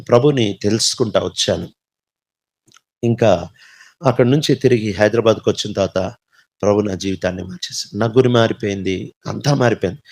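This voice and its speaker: Animated man telling his story. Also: fairly high pitch. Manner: animated storytelling, swinging between loud emphasis and quiet reflection. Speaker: testimony speaker. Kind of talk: personal faith testimony.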